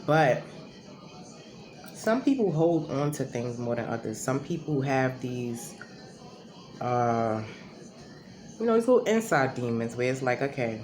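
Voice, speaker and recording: A woman with an extremely low, slightly mellow voice speaks at a measured pace, with big pitch swings and long pauses. Vlogging from home on a noisy recording, she talks to the camera in a casual, rambling, conversational monologue, correcting herself as she goes.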